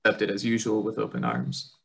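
A young man co-hosting a casual political podcast, speaking in a measured way with frequent "um" as he moves the topics along. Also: fairly low pitch, big pitch swings, gravelly, husky, rough recording. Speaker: podcast co-host.

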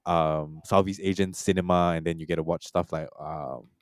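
A man's voice: low voice, fairly even intonation, normal speed, no room sound, studio quality. A man from Malaysia and Singapore talking casually about a film, rambling with many fillers and restarts.

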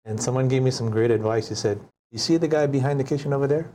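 Unhurried man in his sixties, from Hawaii. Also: mid-range voice, warm tone, a little hiss or hum. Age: 60s. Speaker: chef and restaurant owner guest. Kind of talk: casual interview storytelling. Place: TV studio.

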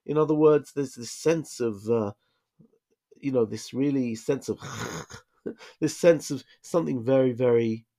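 Gravelly man teaching a Bible lesson. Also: medium pitch, measured pace, mellow. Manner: reads Hebrew verses aloud and explains them. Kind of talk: casual study lesson.

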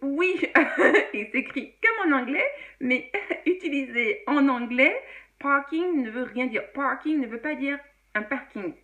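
A woman's voice: sits high, expressive, takes it slowly, bright, forceful tone. A woman teaching English in a casual video lesson, chatty with many fillers and frequent laughs.

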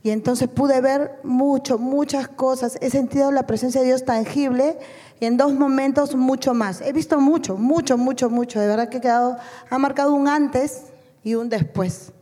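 Woman, church testimony, earnest, emotional, mellow tone, long hall reverb. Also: high voice, fairly even intonation, moderate pace. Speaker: mission trip member giving testimony.

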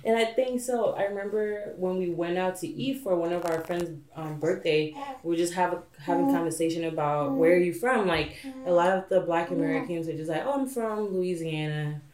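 A woman guest telling stories in a relaxed, casual conversation. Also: lowish voice, normal speed, reverberant, slight background noise.

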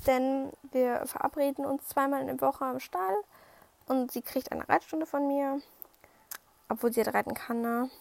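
A woman's voice: high-pitched, creaky, a little mellow. Chatty young woman retelling a stable story. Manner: chatty, acts out quoted dialogue, many fillers. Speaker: riding instructor telling a story. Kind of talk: casual storytelling vlog.

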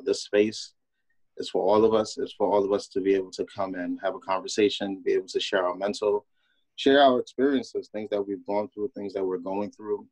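Lowish-voiced casual male podcast host. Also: a little mellow, no room sound, rough recording. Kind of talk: casual conversational hosting.

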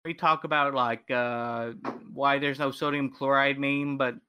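A young man in casual podcast chat about memes, rambling and swearing freely between quick jokes. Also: mid-range voice, level tone, sharp tone, smooth.

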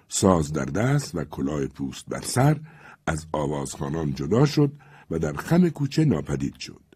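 Deep husky male storyteller. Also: dry recording. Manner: expressive, theatrical storytelling. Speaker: narrator. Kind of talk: audiobook narration.

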